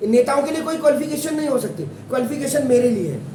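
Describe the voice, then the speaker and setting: A man's voice: very high-pitched, expressive, fast talker, background noise. A man teaching a maths class in India, lecturing and moralizing in a preachy way with sarcastic asides. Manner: preachy, switching between English and Hindi, sarcastic asides. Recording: echoey room, mic far off.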